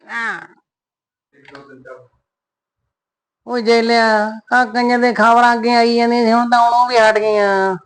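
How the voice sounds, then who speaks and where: A woman doing a lazy, teasing village mason, high and monotone. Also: a little fast, close to an everyday voice. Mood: idle grumbling. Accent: Punjabi. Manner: easygoing, teasing, brushes off complaints. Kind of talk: comic short-film acting.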